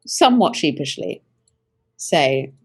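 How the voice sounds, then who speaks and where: A woman's voice: deep voice, big pitch swings, takes it slowly, vocal fry, a little mellow, slightly rough. A woman playing a tabletop game, trading dry, teasing banter. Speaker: player.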